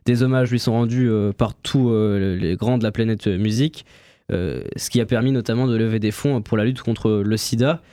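A young man presenting a music history segment on the radio, halting and full of fillers. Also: lowish voice, steady tone, mellow, dry recording, studio quality. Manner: halting, many fillers and restarts. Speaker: radio columnist. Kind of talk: reading a history segment on air.

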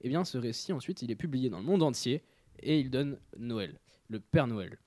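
A young man reads through his radio chronicle in a casual, halting way, peppering it with fillers and restarts. His voice sits at a middle pitch, and it is recorded close and dry with no room sound. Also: animated, darkish tone, dry recording. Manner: hesitant, many fillers. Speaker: radio show columnist.

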